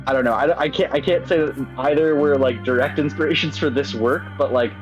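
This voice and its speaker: Talking briskly at a medium pitch, this man, who writes games, gives a casual interview, stumbling over words often as he hesitates and meanders. Background music sits behind a somewhat dull, lo-fi microphone.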